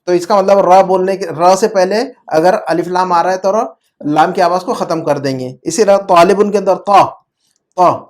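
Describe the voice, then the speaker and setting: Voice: medium pitch, steady tone. An Arabic teacher explaining pronunciation in an online class, repeating words patiently, checking understanding often and mixing in English terms.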